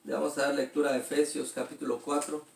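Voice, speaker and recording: A man's voice: a little high, little pitch movement, quick pace, creaky, reverberant, far from the mic, slight background noise. A man preaching a sermon, reading scripture aloud and explaining it with rhetorical questions. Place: church hall.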